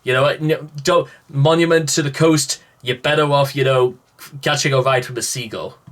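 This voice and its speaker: A man's voice: mid-range voice, steady tone, moderate pace, fairly bright tone. A man giving casual, jokey reaction commentary, often stammering and restarting his sentences. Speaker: reaction video host.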